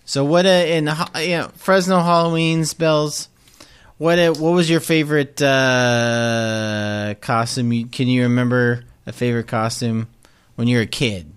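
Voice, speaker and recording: A man's voice: medium pitch, fairly even intonation, a little slow, clear, resonant tone. Easygoing man co-hosting a podcast. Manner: easygoing, laughing along and playing off his partner. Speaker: podcast co-host. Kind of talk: casual podcast banter.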